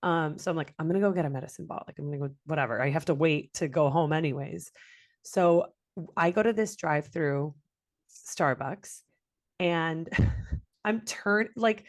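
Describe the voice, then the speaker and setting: Young woman podcast host, lowish voice, animated storytelling, swears a lot. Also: moderate pace. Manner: animated, swears freely, acts out quotes loudly. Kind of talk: casual chat, storytelling.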